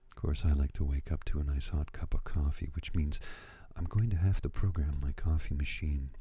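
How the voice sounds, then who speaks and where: A man in his fifties speaking in a soft, breathy ASMR voice, slow and soothing, moving between whispering and murmuring close to a studio microphone. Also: extremely low pitch. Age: 50s. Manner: slow, soothing, hushed delivery. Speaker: ASMR host. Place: at home.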